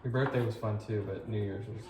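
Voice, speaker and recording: A man's voice: lowish voice, steady tone, fairly quick, noisy background. A man in his twenties co-hosting a casual chat, telling stories in a laid-back, rambling way. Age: 20s. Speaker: vlog co-host. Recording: roomy echo, faint music behind. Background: faint background music.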